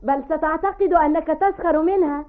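A woman playing a clever, gently bossy sweetheart. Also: high voice, fairly quick, close to an everyday voice. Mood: affectionate. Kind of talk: radio drama acting. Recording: tinny lo-fi old radio recording.

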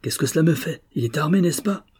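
A man reading aloud, voicing a drunk, brutal rich man who blusters and threatens, in a raised, higher voice. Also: animated, fast, a little mellow, husky. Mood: drunken menace.

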